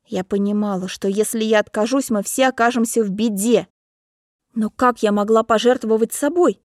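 A woman's voice: mid-range voice, steady tone, moderate pace, darkish tone, no echo, clean studio sound. A woman narrating a first-person audiobook in a dramatic, emotional storytelling manner.

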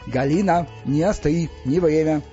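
A man doing an excitable, stubborn father. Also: on the high side, measured pace, pitched above the performer's own voice, natural voice. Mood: stern. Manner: emphatic, triumphant and loud. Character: excitable, stubborn middle-aged father, a scientist. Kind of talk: audiobook character reading. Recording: slightly dull, faint music underneath.

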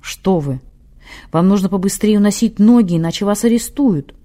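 A woman voicing a shrill, effeminate older man in women's dress who chatters fussily. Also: moderate pace, warm tone, lightly acted. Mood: flustered. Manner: fussy, high-pitched fluttering chatter.

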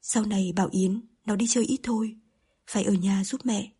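Woman reading as a gentle sorrowful daughter. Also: medium pitch, steady tone, fairly quick, breathy edge. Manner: soft, gentle. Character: gentle sad young woman, dutiful daughter.

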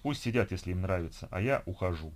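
A man voicing a blunt, determined young woman in a low plain voice. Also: expressive, quick pace.

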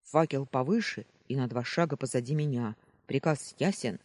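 A man's voice: mid-range voice, normal speed, close to an everyday voice. A man voicing an irritable, bossy young male sentry who barks military orders, in an audiobook reading. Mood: shouting orders.

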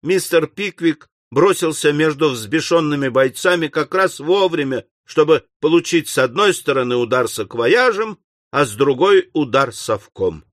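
A man narrating an audiobook in a measured, theatrical read. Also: on the high side, animated, a bit bright, no room sound, studio quality. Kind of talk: scripted narration.

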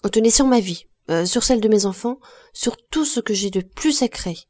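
A woman's voice: on the low side, steady tone, normal speed, warm tone, dry recording, lightly acted. A woman reading the part of a distressed young laundress, speaking earnestly and pleadingly in an audiobook.

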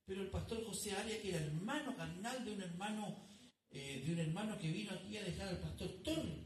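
A man's voice: sits high, fairly quick, a little hiss or hum. A man preaching a sermon as pastor, telling a story and calling his listeners "brother". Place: church. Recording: echoey room, distant mic.

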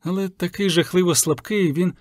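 Anxious young woman on a ship, read by a man, urgent calls, slightly high voice, dry sound. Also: a little fast, no room sound, natural voice.

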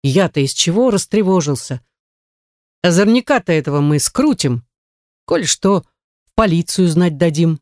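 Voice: medium pitch, expressive, normal speed, a little mellow, no room sound, studio quality, natural voice. A reader voicing a curt, commanding middle-aged male butler in an audiobook, speaking brusquely to servants. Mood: stern. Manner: brusque, impatient. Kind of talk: audiobook character reading.

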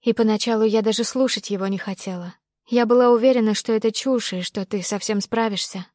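A woman's voice: on the high side, steady tone, fairly quick, darkish tone, no echo, natural voice. Woman reader as a distraught young heroine, raw and emotional, dry close sound. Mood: pleading. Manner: emotional outbursts. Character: young woman, heartbroken, hysterical, sobbing. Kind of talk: audiobook character voice.

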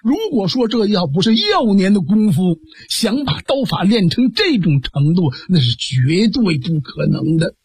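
Guy telling old tale, husky voice, pitch all over, lively asides. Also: unhurried, few pauses, no echo. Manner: dramatic, lively, with asides to listeners. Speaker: storyteller. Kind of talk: traditional storytelling performance.

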